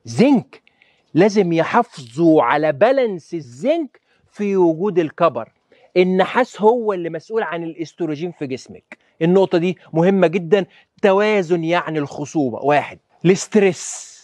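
A man with an Egyptian Arabic accent, a doctor giving a lively health lecture who keeps quizzing his listeners with rhetorical questions. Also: on the high side, a little fast, no room sound.

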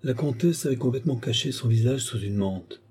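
A man narrating a classic novel as an audiobook reader in a measured literary reading. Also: medium pitch, darkish tone, slightly rough. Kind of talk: scripted narration.

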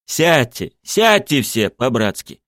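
A man's voice: medium pitch, very animated, takes it slowly, a bit bright, no echo, clean studio sound, voice pushed up. A man voicing an exasperated man who tries to keep a group in order. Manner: firm, exasperated.

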